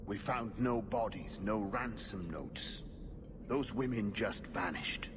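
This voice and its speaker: A man performs game dialogue as a tired middle-aged templar, speaking low, formally, and in a measured, earnest way that conveys discouragement. Noise is plainly audible behind his voice.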